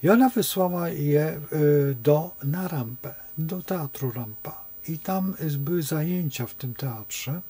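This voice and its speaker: Husky, mellow-voiced male astrologer. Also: on the high side, takes it slowly, hardly any pauses. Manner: rambling, digressive storytelling. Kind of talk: unscripted monologue.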